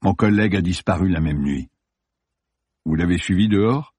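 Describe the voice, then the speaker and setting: A man's voice: sits low, normal speed, a little mellow, husky. A man voicing a stern male police commander who questions coldly and insistently, in an audiobook. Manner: cold, level, insistent. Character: grim, hard-pressing male police commander. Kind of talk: audiobook character voice.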